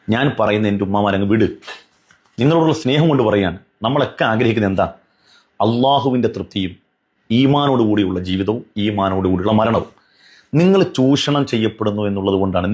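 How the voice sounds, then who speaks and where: With a lowish, darkish voice, a man offers religious commentary that admonishes and pleads earnestly, pressing his points through repetition and rhetorical questions.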